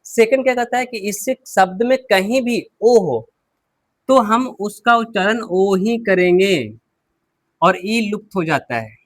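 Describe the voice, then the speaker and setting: Man teaching pronunciation, high voice, dry close sound, repeats words slowly, clears throat. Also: no room sound. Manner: repeats words slowly, asks and answers own questions. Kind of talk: classroom lesson.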